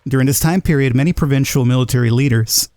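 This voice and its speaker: A man's voice: medium pitch, quick pace, dark tone, no room sound, pitched above the performer's own voice, natural voice. A man voicing a dry, stern male teacher who lectures a class like a bored lecturer, reading game dialogue. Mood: dry, instructive.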